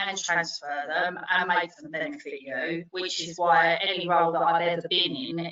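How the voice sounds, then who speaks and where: Woman driving instructor, bright tense voice, hesitant with lots of ums; lo-fi distant echoey audio. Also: lowish voice. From Wales. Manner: hesitant, many ums and restarts. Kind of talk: interview answers on a video call.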